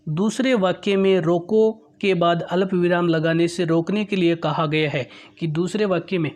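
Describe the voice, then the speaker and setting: Teacher, grammar lesson, patient, repeats points, mid-pitched voice. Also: moderate pace, darkish tone. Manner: patient, repeats points, often says "look"; mixes English terms into Hindi.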